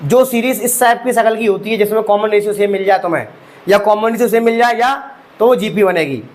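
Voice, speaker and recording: Teaching maths for exam prep, this young man talks quickly in a high voice. Rhetorical questions punctuate his step-by-step explanations, and he calls his students "bhai sahab."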